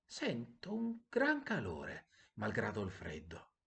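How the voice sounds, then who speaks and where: A man voicing a tender female swallow in a storybook tale, with a high, eager voice. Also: normal speed, gravelly. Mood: wondering.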